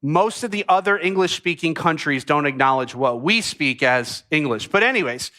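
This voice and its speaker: Bright-voiced man preaching with playful humor. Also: fairly high pitch, animated, moderate pace. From United States. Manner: humorous storytelling to a congregation. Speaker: pastor. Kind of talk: sermon.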